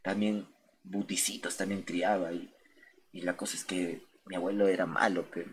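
A man's voice: low-pitched, little pitch movement, moderate pace, slight background noise. A young man telling stories to his chat on a late-night game stream, rambling, slangy and profane, calling his viewers "gente" over and over.

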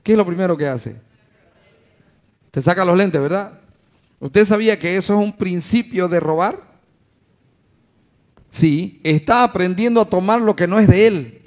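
A man's voice: sits high, a little slow, long pauses, a little mellow. Man preaching, acting out scenes. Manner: preacher who acts out scenes and asks rhetorical questions; addresses the congregation as brothers. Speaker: pastor. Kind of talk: sermon.

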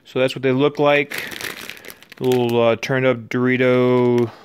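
A man giving a casual, off-the-cuff snack review, hesitant, with many ums and pauses. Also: mid-range voice, flat delivery, slight background noise. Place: living room indoors, by a couch.

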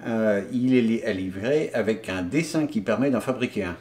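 Recorded inside his large workshop, a man in his forties from France, a woodworker who makes YouTube videos, talks through how his machines are set up. He speaks at a normal speed in a lowish, darkish voice, loosely and haltingly, full of fillers.

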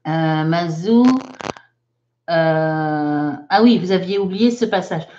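A woman's voice: low-pitched, warm tone, highs cut off, slight background noise. A woman, teaching a live online English lesson, reading out viewers' chat sentences and patiently correcting them. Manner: slow, careful, patient explaining.

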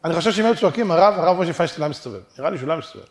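A man who is a rabbi, giving a lively sermon full of stories, jokes and rhetorical questions, acting out the people in his stories. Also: on the high side, reverberant. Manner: animated storyteller, rhetorical questions, acts out voices. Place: synagogue or study hall. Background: audience laughter.

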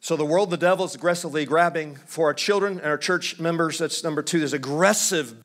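A middle-aged California pastor preaches a sermon fast from a wooden lectern on a church stage. He swings from loud, high exhortation to hushed, low storytelling, repeating words as he restarts his phrases.

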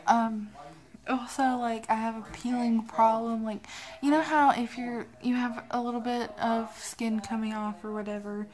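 A woman's voice: on the high side, fairly even intonation, normal speed, a little mellow. A woman in her twenties rambling casually to camera in a vlog, sounding sick, tired and drowsy. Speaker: vlogger. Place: small cluttered bedroom, indoors.

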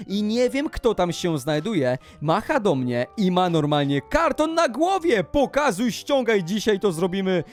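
Excitable high-pitched gaming vlogger. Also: male voice, unhurried, few pauses, faint music behind. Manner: shouty, exclamatory, jumps between hushed and yelling. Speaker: Minecraft YouTuber. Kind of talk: excitable gaming vlog narration.

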